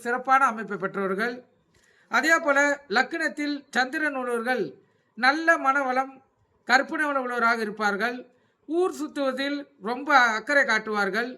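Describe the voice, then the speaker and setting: A man giving an astrology lecture, speaking in measured phrases and often dropping his voice for a repeated reminder to take note. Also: bright, forceful tone. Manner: measured, repeats a low-pitched refrain telling listeners to take note.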